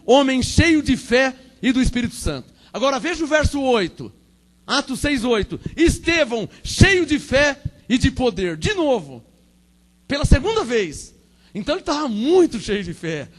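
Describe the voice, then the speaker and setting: Fervent high-voiced Brazilian preacher. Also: male voice. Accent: Brazilian Portuguese. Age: 40s. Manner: fervent, repetitive, swings between loud proclamation and quiet asides. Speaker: pastor. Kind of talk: Pentecostal sermon.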